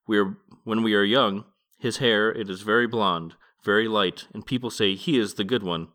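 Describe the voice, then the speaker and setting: A man's voice: lowish voice, steady tone, normal speed, fairly bright tone, close to an everyday voice. A man reading a weary, brooding old god. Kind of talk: podcast book reading.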